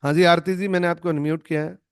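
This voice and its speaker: A man's voice: a little high, fairly even intonation, quick pace, clean tone, dry recording, clean studio sound. A man leading an online network marketing training, emphatic and demonstrative, acting out lines to show tone. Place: online video call.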